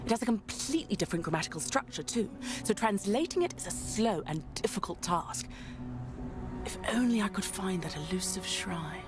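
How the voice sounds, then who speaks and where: An actress playing a weary, determined woman scholar in video game dialogue, speaking in a measured, earnest way over game music. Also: medium pitch, animated, natural voice.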